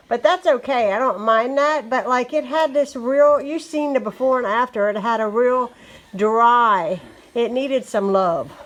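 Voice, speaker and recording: A woman with a West Virginian accent, chatting casually at home as she shows off a wood-care job and recommends the product. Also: fairly high pitch. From West Virginia, USA. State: a bit out of breath. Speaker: home vlogger. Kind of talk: casual chat. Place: home, indoors.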